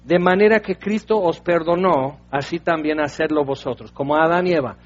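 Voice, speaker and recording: High-voiced preacher, hushed to loud. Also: male voice, moderate pace. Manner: swings from hushed to loud exclaiming. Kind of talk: sermon. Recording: dull lo-fi recording.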